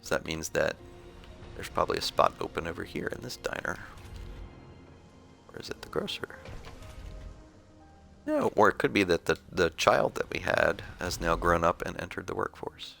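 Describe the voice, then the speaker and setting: Male gameplay commentator, deep gravelly voice, calm explainer, faint music under. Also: moderate pace, long pauses. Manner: relaxed, explanatory, thinking aloud.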